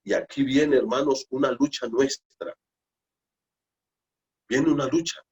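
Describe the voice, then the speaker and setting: A man's voice: mid-range voice, unhurried, dull audio. A man preaching a Bible study sermon, emphatic, repeating phrases and asking rhetorical questions. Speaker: pastor.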